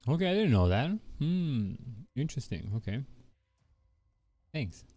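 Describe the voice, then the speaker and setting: A man's voice: medium pitch, a little slow, dry recording. A man casually chatting with viewers while drawing on a live stream, rambling with lots of fillers. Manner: relaxed, rambling, many fillers like "you know" and "like". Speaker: livestreaming artist. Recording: soft background music.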